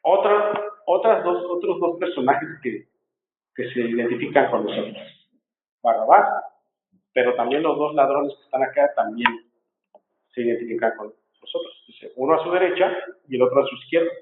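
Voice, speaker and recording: A man's voice: medium pitch, lively intonation, normal speed, a little hiss or hum. Earnest preacher man, echoey tinny sound. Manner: earnest, presses listeners with repeated rhetorical questions. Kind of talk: sermon.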